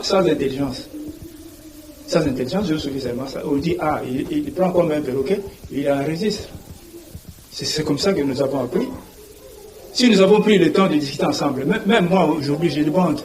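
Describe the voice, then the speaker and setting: A man's voice: on the high side, a little mellow, a little hiss or hum, low-quality recording. A man, a language professor explaining in a TV interview, spelling out letters and often asking whether you see. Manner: didactic, repeats "vous voyez", spells out letters.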